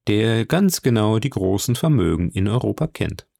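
A man reading aloud voices a polished count who speaks smoothly and with calm authority. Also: fairly low pitch, moderate pace, no echo, clean studio sound. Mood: assured, courteous. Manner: smooth, assured and courteous. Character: suave commanding count, polished and smiling.

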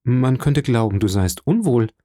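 A man reading an audiobook, voicing an earnest young sailor who talks excitedly to his father. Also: medium pitch, a little slow, no echo, clean studio sound, natural voice. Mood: eager. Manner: excited, pleading, raised voice. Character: eager young male sailor, earnest and devoted. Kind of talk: audiobook character voice.

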